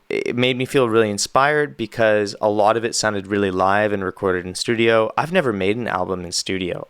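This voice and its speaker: A man's voice: on the low side, a bit bright, clean tone, no room sound. Man, Canadian accent, casual reaction commentary, enthusiastic and rambling, dry close sound. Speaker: musician reacting to an album.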